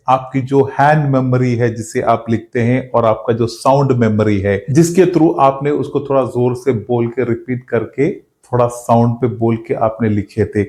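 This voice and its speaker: A man with a mid-pitched voice gives a spoken lesson on spelling. He explains step by step and drops to a slow, careful pace whenever he spells a word out letter by letter. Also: mellow. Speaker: English teacher.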